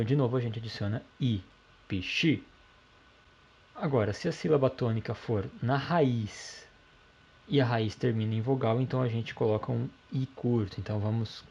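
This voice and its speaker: A man teaching a language lesson, calmly explaining grammar step by step and checking in with the listener often. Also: medium pitch, breathy edge, highs cut off.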